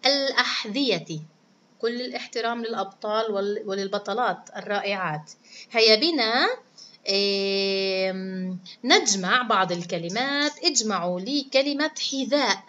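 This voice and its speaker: A woman's voice: medium pitch, normal speed, sharp tone, slight background noise. A woman teaching a children's reading lesson, praising them often and stretching words out syllable by syllable. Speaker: primary school teacher.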